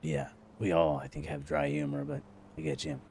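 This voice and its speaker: A man's voice: very deep voice, big pitch swings, moderate pace, gravelly, darkish tone, a little hiss or hum. A man in a casual in-character roleplay conversation, asking questions and chatting along. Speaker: roleplay player.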